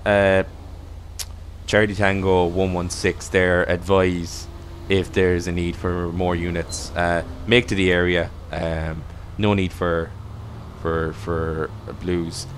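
A man role-playing a police radio dispatcher, halting and repeating himself as he gives instructions. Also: low-pitched, little pitch movement, a little hiss or hum. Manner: halting, repeats himself while searching for words.

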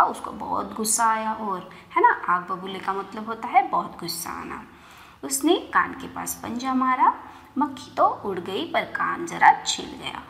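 A woman's voice: fairly high pitch, vocal fry, a bit bright, reverberant. A woman teacher reading a story for young children aloud, then explaining each line again in simpler words.

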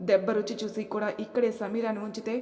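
A woman's voice: medium pitch, little pitch movement, fast talker, mellow, lightly acted. A woman voicing an angry grown son who accuses his own mother, in a roomy hall with long reverb. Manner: heated, accusing.

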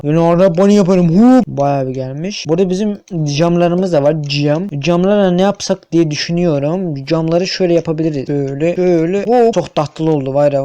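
A man's voice: on the high side, warm tone. A young man giving casual, chatty commentary over his own gameplay, swearing, stammering and humming to himself. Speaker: gaming youtuber.

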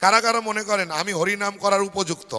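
In a big devotional-fair hall full of long reverb, a Bengali-accented man preaches a little fast in a high, bright, forceful, clean voice. He throws rhetorical questions at the audience and leads them in repeating his phrases.

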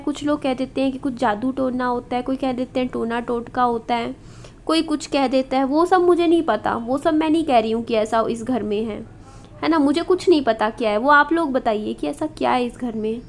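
A woman in her thirties with a high voice guides viewers through a house in a home vlog. She talks in a confiding way and keeps asking the audience questions. Faint room noise sits under her voice. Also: moderate pace. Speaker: vlogger. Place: indoors in a house.

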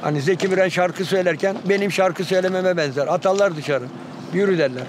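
A high-voiced man eagerly rattles off birdsong imitations, one after another. He is recorded outdoors, with loud street and boat noise behind him. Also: fast. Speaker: bird enthusiast. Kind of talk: documentary interview.

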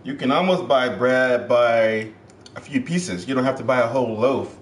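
A man's voice: medium pitch, normal speed, slight background noise. A middle-aged man from Ohio hosting a casual home cooking show, chatty and upbeat, calling his viewers guys, filmed by a far camera in a kitchen. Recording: echoey kitchen with music behind.

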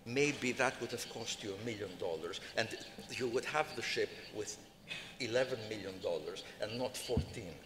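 A man's voice: fairly low pitch, normal speed. An older man speaking as a conference panelist, rambling with many fillers and restarts, into a table mic in a large hall. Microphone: table microphone. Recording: reverberant hall, faint noise.

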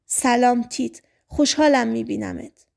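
Woman reading as a shy wary teen girl, quiet hesitant voice, higher pitch, audiobook. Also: creaky.

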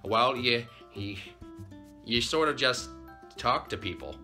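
A well-meaning police officer acted by a man in a plush puppet skit. He stammers in exasperation, with a bright, forceful voice that swings widely in pitch. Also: lively intonation, takes it slowly, soft background music, heavily acted. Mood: reassuring. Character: flustered, well-meaning male police officer turned bodyguard.

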